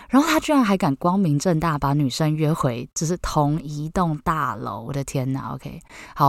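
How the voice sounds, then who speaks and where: A young woman with a Taiwanese Mandarin accent and a low voice tells a story on her podcast. She talks in a lively, disbelieving way and keeps dropping in "OK". The sound is close and dry. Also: no echo. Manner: animated, incredulous, peppers speech with "OK". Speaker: podcast host.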